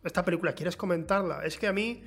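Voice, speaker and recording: Higher-voiced man steering the talk. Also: fast talker, creaky, faint music behind. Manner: relaxed, explanatory, steers the talk. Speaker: host. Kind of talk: casual film chat.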